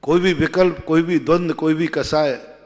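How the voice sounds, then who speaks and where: A male Jain monk delivers a sermon, slowing to repeat key phrases with strong emphasis. His voice sits somewhat high. It carries a long hall reverb. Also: steady tone, darkish tone. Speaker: Jain monk giving a discourse.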